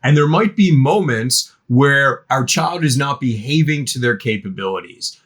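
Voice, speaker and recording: A middle-aged man, a guest expert, answering podcast interview questions in an animated way, often acting out parents and teens. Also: medium pitch, normal speed. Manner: animated, acts out parents and teens in quoted voices.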